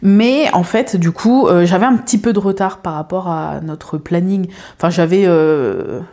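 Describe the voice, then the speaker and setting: Chatty woman, mellow low voice. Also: measured pace. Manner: rambling, many fillers and restarts. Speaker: craft video creator. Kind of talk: casual chat to viewers. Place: home.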